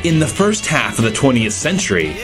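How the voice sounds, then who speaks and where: A man hosting a museum podcast, speaking in a clear presenter's way as an assistant curator. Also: mid-range voice, big pitch swings, brisk, over loud music. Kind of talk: scripted intro and casual interview.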